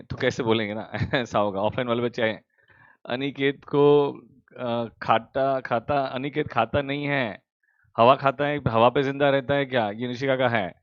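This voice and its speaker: A man's voice: medium pitch, fairly even intonation, moderate pace, dry recording. Man, teacher, casual class chat, teasing, affectionate, dull lo-fi sound. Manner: teasing, affectionate, calls students beta. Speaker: commerce teacher. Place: at home.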